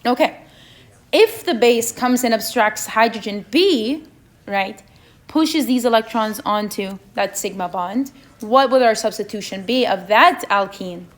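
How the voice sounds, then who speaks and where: A young woman with a non-native English accent runs a chemistry exam review, quizzing students and checking in with "okay?" along the way. Her voice is fairly high and animated, at a measured pace.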